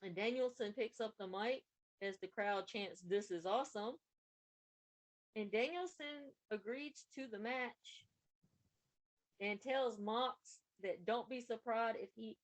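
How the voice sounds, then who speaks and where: A woman's voice: medium pitch, measured pace, low-quality recording. A woman co-hosting a podcast, recapping wrestling matches in a casual, running play-by-play way. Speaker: podcast co-host.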